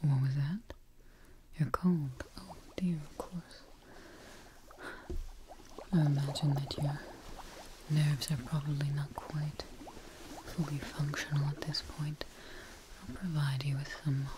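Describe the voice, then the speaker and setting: In this ASMR roleplay, a young adult woman whispers slowly with a low voice and steady tone, soft and soothing at close range. She plays a calm, eerie female creature-maker scientist looking after her experiment, in a small dark indoor setup. A close microphone picks up the whisper along with clear noise and clicks.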